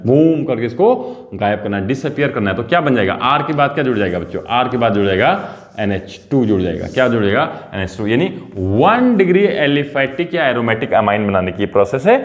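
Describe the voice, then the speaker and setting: A male chemistry teacher giving a lively lecture, repeating key terms and coaxing his students to answer. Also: mid-range voice. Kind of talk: classroom lecture.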